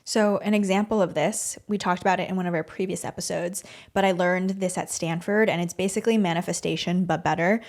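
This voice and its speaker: A woman co-hosting a podcast in casual chat, animated and teasing, with many likes and ums. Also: on the low side. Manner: animated, teasing, fast filler-heavy talk. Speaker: podcast co-host.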